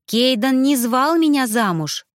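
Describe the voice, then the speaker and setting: A woman's voice: high-pitched, expressive, unhurried, dry recording, pitched above the performer's own voice. An exasperated young medium from a storybook, as a woman reader puts her on, her voice lifted and pushed, every sentence a protest. The recording is dry and close. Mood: flustered protest. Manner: indignant, insistent protests.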